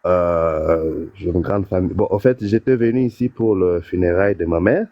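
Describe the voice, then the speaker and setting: Halting man on a muffled call. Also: deep voice, dry recording. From DR Congo, North Kivu. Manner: halting, many restarts and fillers. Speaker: caller on a live stream. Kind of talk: casual call-in advice. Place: call from abroad.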